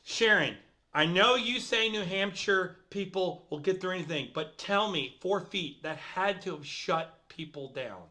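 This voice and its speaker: A middle-aged man with a fairly high speaking voice hosts a relaxed live show. He chats animatedly and reads viewer comments aloud. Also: unhurried. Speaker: host. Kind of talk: casual livestream chat.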